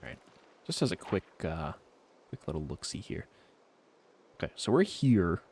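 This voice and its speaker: A man's voice: low voice, sing-song, normal speed, darkish tone, slight background noise. A man streaming a video game, chatting to himself in a laid-back, rambling way. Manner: laid-back, rambling self-talk with frequent trailing fillers. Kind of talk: casual gameplay commentary.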